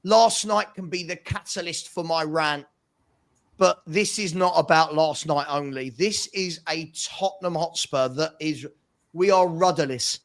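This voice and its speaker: Passionate, high-pitched man on a rant. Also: measured pace. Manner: passionate, exasperated; emphatic, repetitive rhetorical delivery. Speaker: football fan pundit on a fan channel. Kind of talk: opinion rant.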